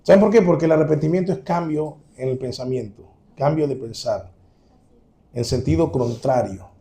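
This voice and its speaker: A man's voice: fairly high pitch, normal speed, vocal fry, mellow, a little hiss or hum. A man preaching a sermon to his congregation, earnest and direct, repeating his key points.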